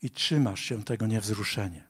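A man's voice: fairly low pitch, normal speed, fairly bright tone, husky. A man preaching a sermon, earnest and direct, rising to emphatic appeals to his listeners.

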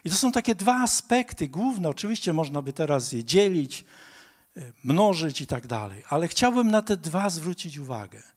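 A man's voice: on the high side, big pitch swings, moderate pace, a little mellow. A man preaching a sermon, earnest and direct, rising to emphatic appeals to his listeners.

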